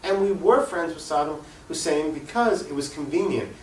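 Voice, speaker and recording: An opinionated man argues politics unscripted as an interview guest on a cable access show, speaking emphatically and leaning on rhetorical questions. His voice is a little high and a little mellow, with lively intonation at normal speed. The room recording is echoey, with a distant mic and faint noise.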